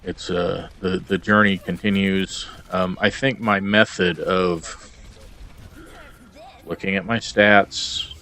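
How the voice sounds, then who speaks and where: A man's voice: low-pitched, steady tone, takes it slowly, bright, forceful tone, a little hiss or hum. A man recording a casual video log about his game stats, rambling and hesitant with plenty of ums and uhs. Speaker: gamer vlogger.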